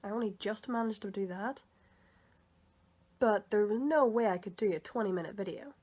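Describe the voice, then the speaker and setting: This video creator, who also reads comic dubs, chats casually with her viewers in a vlog. Her mid-range, darkish voice moves at a moderate pace, and she sounds a bit sick as she rambles and corrects herself along the way.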